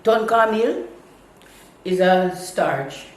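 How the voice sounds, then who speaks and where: Jamaican man, high and laughing, echoey room. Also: very slow. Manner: animated, teasing, breaks into laughs. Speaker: food judge. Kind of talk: casual chat. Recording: very echoey room with faint noise.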